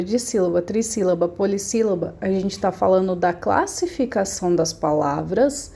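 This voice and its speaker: A woman's voice: medium pitch, dark tone. A woman teaching a remote class, explaining patiently and often checking that her students follow.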